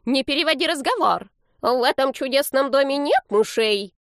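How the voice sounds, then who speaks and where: A woman voicing a fussy, half-deaf old grandmother in an audiobook, scolding with shrill, drawn-out words. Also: expressive, fairly bright tone, no room sound, studio quality. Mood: indignant. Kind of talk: audiobook character voice.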